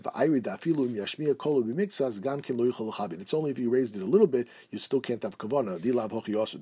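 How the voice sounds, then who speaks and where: Fast-talking husky man teaching halacha. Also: on the low side, darkish tone. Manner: reads Hebrew and Aramaic quotes, then explains in English. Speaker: Torah teacher. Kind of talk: halacha class, reading and translating texts.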